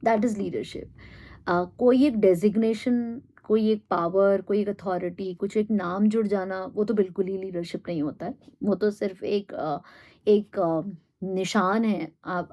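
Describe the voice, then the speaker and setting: A woman giving a reflective monologue, thinking aloud with pauses and fillers and mixing in English phrases. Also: medium pitch, warm tone. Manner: thoughtful, pauses with fillers, mixes Hindi and English. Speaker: host.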